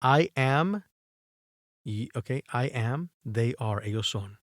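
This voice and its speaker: A patient male teacher giving a bilingual grammar lesson in a dry, close-miked sound. He talks slowly and spells out letters one by one. His pitch sits in the middle range. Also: lively intonation, fairly bright tone, no echo. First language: Spanish. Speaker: English teacher.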